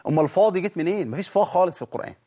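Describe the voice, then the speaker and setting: A man with an Egyptian Arabic accent teaching Quran recitation rules, animated and demonstrating sounds again and again. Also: sits high, racing. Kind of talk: tajweed lesson.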